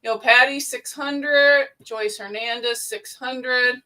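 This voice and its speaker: A woman hosting a casual sewing livestream, briskly reading out viewer names and bid amounts from the chat. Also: high voice, fairly even intonation, bright, forceful tone. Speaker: livestream host. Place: indoor sewing room.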